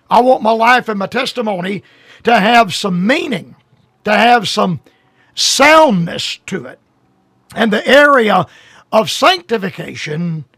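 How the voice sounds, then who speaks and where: Older male radio preacher, husky high voice, dry close sound, earnest drawn-out emphasis. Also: a bit bright, no room sound. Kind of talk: radio sermon.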